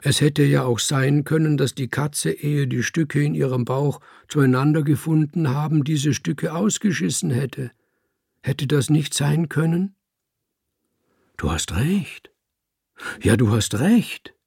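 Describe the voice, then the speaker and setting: A man reading a literary story aloud as an audiobook, voicing the dialogue in a slow, deliberate storytelling manner with soft, hushed dips. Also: a little high, creaky, slightly rough, no room sound, studio quality. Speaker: audiobook reader.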